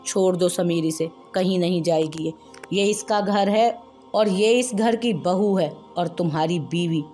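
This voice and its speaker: A woman's voice: lowish voice, a little slow, mellow, soft background music, natural voice. A woman voicing a firm middle-aged mother-in-law in a storybook reading, reasoning with authority.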